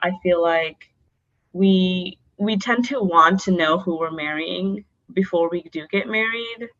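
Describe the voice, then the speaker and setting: Speaking unhurriedly in a slightly bright, lowish voice, this young podcast guest answers interview questions openly, with many "um"s and "like"s. She's from North Dakota, born in Bangladesh, and the recording is muffled.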